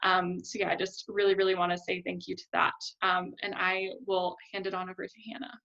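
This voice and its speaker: A woman's voice: lowish voice, fairly quick, gravelly. A woman co-hosting a virtual ceremony, giving grateful closing thank-yous. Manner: grateful, repetitive, steady. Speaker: ceremony co-host. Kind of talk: closing thank-you remarks. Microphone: video call. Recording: dull lo-fi video call audio.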